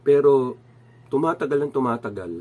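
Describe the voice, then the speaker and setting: A man's voice: medium pitch, normal speed, warm tone. A middle-aged man with a nasal voice, casually telling a personal story with many fillers and restarts while he has a cold. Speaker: channel host.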